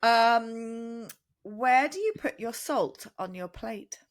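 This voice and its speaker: Lively, playful woman podcaster. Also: fairly high pitch, takes it slowly. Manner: chatty, playful, full of laughs. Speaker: podcast co-host. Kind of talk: casual chat.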